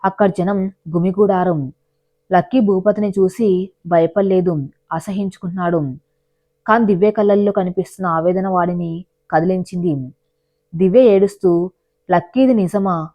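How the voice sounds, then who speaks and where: A woman narrating a scripted, dramatic story in a steady storyteller's manner, on slightly dull audio. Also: fairly low pitch, moderate pace, pauses often.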